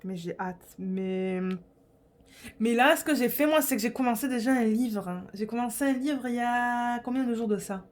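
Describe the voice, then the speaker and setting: A woman's voice: fairly high pitch, normal speed. A young woman vlogging in a casual, rambling way, chatting to her viewers with lots of fillers and restarts. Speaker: diamond painting vlogger. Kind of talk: casual chat to camera.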